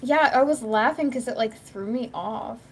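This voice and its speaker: This YouTuber and livestreamer has a somewhat high voice with a breathy edge and moderate pace. Chatting casually at home, she rambles through stories, performs quoted dialogue, and fills her speech with "like."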